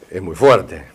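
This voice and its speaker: A middle-aged man's voice sits low, husky and a little mellow, with a River Plate Spanish accent. Giving a therapy session to an audience member, he insistently checks comprehension, repeating "¿está bien?" and "mirá".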